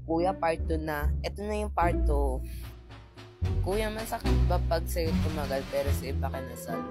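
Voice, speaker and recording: Guy w a girly sounding voice reading comments, teasing and joking, music going behind him. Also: fairly high pitch. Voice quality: voice that sounds like a woman's. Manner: playful, teasing, quick deadpan replies. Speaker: gaming content creator. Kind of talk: casual chat reading viewer comments. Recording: clear background music. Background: music playing under the voice.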